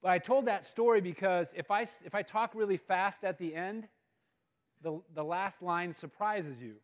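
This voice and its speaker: A man giving a humorous chapel talk as a guest speaker at a school, telling a story with animated outbursts. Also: high-pitched, moderate pace. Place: school assembly hall.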